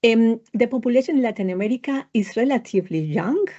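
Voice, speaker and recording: A woman with a Colombian Spanish accent presents research in a webinar, measured and hesitant, with frequent fillers. Her voice is mellow and warm. It comes over a slightly dull video call line. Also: a little high, expressive.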